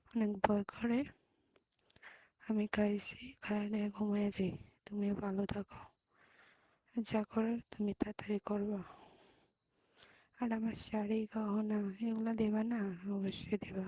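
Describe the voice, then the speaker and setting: Hoarse woman, whispered voice message, husky and dry, close and unroomy. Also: mid-range voice, level tone, moderate pace, long pauses, dry recording. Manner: whispering softly. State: hoarse from a cold.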